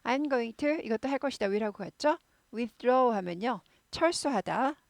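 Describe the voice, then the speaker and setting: A woman's voice: on the high side, animated, takes it slowly, no room sound. A woman teaching English phrases in a casual, chatty way. She keeps affirming herself with short fillers and repeats words to drill pronunciation. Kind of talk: casual explanatory lesson.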